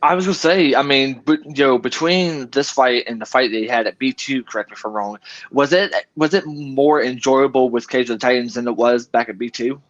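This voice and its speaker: A man's voice: mid-range voice, a little fast. A man hosting an interview in a casual way, rambling and often stumbling over his words. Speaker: interview host. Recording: dull lo-fi audio.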